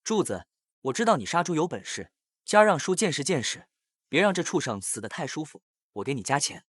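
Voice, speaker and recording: A man voicing a harsh, vengeful old village grandfather who talks in a gruff, scolding way in a horror story. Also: fairly high pitch, very animated, brisk, a bit bright, dry recording, clean studio sound. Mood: grim.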